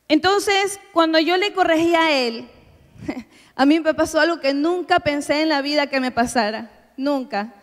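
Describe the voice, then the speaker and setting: High-voiced woman preaching in a reverberant hall. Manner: earnest, heartfelt preaching to the congregation. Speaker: church women's workshop speaker. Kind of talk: sermon with personal testimony. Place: church meeting hall.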